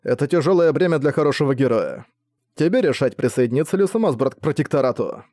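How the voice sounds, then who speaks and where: A man voicing a calm, diplomatic male superhero leader. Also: medium pitch, dry recording, studio quality, lightly acted. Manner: measured, diplomatic.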